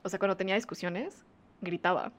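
A woman's voice: mid-range voice, a little fast. A woman, co-hosting a podcast in casual chat, talking with many fillers and frequent laughs. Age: 20s. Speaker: podcast co-host.

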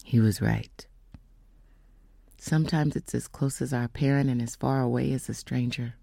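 A woman telling a faith testimony in a casual storytelling way, slowing down and dropping to whispers for emphasis. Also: a bass voice, steady tone, vocal fry, warm tone, no room sound. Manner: storytelling, acts out quoted voices; slows down for emphasis, drops to whispers. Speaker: speaker giving a testimony.

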